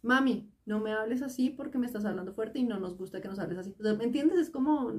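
A woman co-hosting a casual podcast, animated and quick to laugh as she acts out what people say. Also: on the high side, recorded from a distance. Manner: animated, quotes others, laughs often. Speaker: podcast co-host.

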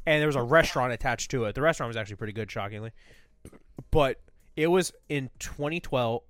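A man's voice: medium pitch, quick pace, a bit bright, no echo. A young man co-hosting a podcast in casual chat, telling rambling stories full of "like" and "dude" and swearing freely. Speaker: podcast co-host.

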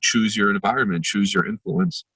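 The voice is lowish and pushed, bright with a breathy edge, moving at normal speed; the recording is dry and rough. It belongs to a young empathy workshop facilitator, Israeli-born and raised in New Jersey and New York, who speaks reflectively as a podcast guest in a conversational interview with lots of fillers and restarts.

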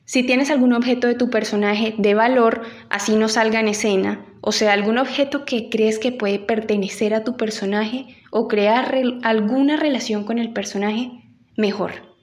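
An acting teacher gives an instructional audio lesson, guiding the listener through an exercise. She speaks straight to them with instructions and reflective questions. Her voice sits on the high side, with a steady tone and normal speed.

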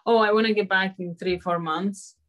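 A young woman fighter answering interview questions in a halting, hesitant way with many restarts. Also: medium pitch, fairly even intonation. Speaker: mixed martial arts fighter.

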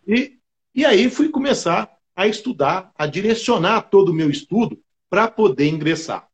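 Lively middle-aged Brazilian man, anecdotal storyteller. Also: high-pitched, moderate pace. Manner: animated, fills with "né" often. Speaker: guest, state attorney. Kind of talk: storytelling in a casual interview.

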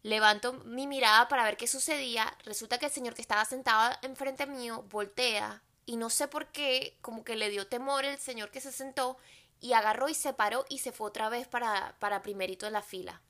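A woman telling a personal faith story in a casual, animated way, talking straight to her viewers. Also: a little high, fairly quick. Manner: animated, addresses viewers directly. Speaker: vlogger sharing a faith testimony.

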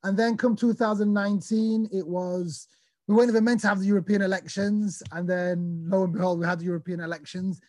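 A man, raised in England after a childhood in Somalia, answering interview questions about his path into politics in a relaxed, chatty way. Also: high-pitched, brisk, dry recording. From Somalia, raised in Sheffield, England. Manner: relaxed, chatty storytelling with fillers. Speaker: interview guest, activist and author. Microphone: video call.

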